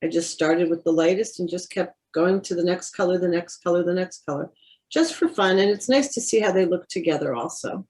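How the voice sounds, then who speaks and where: Woman, watercolor teacher, patient, practical, encouraging, slightly low voice. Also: a little fast, a little mellow, rough recording. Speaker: watercolor instructor. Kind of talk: live painting class instruction.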